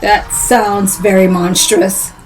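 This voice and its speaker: A young woman hosting a reaction video, chatting casually with animated exclamations and laughter. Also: mid-range voice, slow pace, soft background music.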